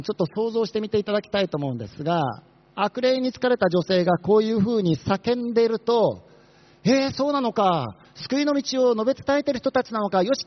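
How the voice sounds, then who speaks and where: Male pastor, quick-tongued and animated, high voice, dull lo-fi recording. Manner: fast-talking, asks the congregation questions. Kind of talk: sermon.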